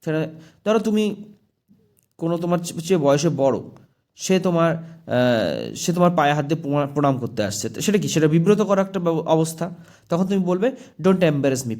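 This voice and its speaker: Man teaching spoken English, slow examples. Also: fairly high pitch, a little mellow. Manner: slow, drawn-out model phrases for repeating; asks "okay?" after each point.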